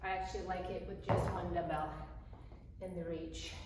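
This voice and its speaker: A woman's voice: fairly low pitch, flat delivery, normal speed. A woman fitness instructor coaching a home workout, counting reps and cueing moves in short, encouraging phrases. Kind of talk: home workout coaching while demonstrating exercises. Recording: very echoey room, distant mic, faint noise.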